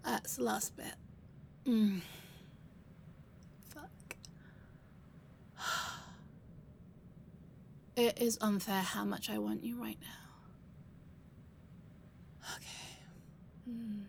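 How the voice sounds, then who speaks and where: In an intimate ASMR role-play, a woman plays a seductive, commanding bank robber, murmuring breathy, sultry pillow talk with lingering pauses. Her voice is medium-pitched and steady in tone, and there's a slight hiss or hum.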